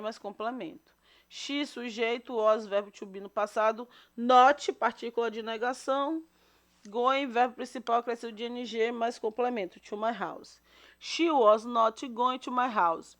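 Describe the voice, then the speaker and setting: Lady teacher going over grammar slowly, kinda high voice, keeps asking ok?. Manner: patient, repeats words and checks in with "ok?" and "né?". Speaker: English teacher. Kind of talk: recorded classroom grammar lesson.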